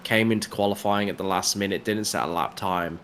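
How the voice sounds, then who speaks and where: A man's voice: fairly low pitch, fairly even intonation, brisk, a bit bright. A man giving chatty, jokey, analytical commentary on a sim race.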